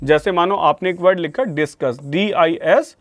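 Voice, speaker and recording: A man's voice: a little high, a little fast, no echo. A man with an Indian accent teaching an online vocabulary lesson, coaxing his students along and asking them for answers again and again. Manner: coaxing, repeatedly addresses students as "beta".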